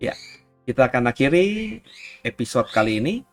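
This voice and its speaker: A man, a pastor giving an emphatic Bible teaching sermon that rises to near-shouts on key points. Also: mid-range voice, big pitch swings, normal speed, soft background music.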